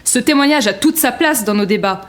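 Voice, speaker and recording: An actress playing an assertive, indignant defence lawyer, formal and insistent, in a courtroom audio drama. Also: female voice, a little high, expressive, brisk, close to an everyday voice.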